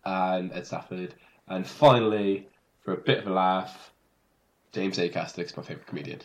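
A man in relaxed conversation, laughing easily and often trailing off mid-sentence. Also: low voice, normal speed. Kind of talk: casual chat.

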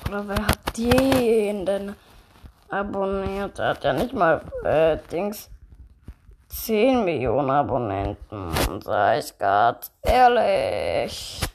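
Slow, slangy woman reacting to clips. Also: medium pitch, big pitch swings, a little mellow, a little hiss or hum. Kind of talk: reaction commentary.

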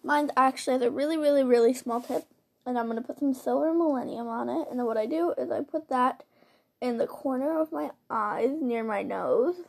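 A high-voiced woman hosts a casual makeup tutorial show, chatting informally and narrating each step as she does her makeup. Her voice is fairly quick and gravelly, and she's picked up by a basic built-in laptop-style mic rather than a proper studio microphone.

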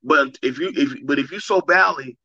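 Blunt bright-voiced man, lo-fi dry mic. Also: a little high, normal speed, no room sound. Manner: blunt and animated, drops into voices when quoting people. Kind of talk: casual podcast chat.

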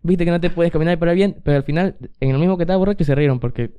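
Young man, podcast co-host, casual storytelling, rambling, laughs a lot, mellow, smooth. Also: a little high, rapid-fire. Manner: rambling, laughs often, acts out quotes.

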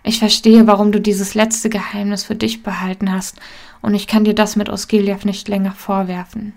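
A woman reading the lines of a dying male warrior, soft and faltering, partly whispered. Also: mid-range voice, level tone, normal speed, creaky, close to an everyday voice. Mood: tender.

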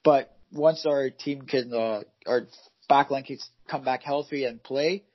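A man's voice: medium pitch, unhurried, muffled recording. A man co-hosting a casual football podcast, rambling with many fillers and restarts. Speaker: podcast co-host, football fan. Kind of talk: casual chat.

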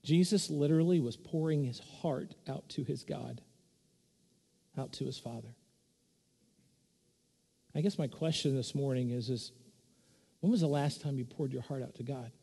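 A man's voice: moderate pace, gravelly, pauses often, breathy edge. A man preaching an earnest sermon as pastor, building in force on repeated points. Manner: earnest, swells louder and higher on repeated points. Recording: long reverb of a church hall.

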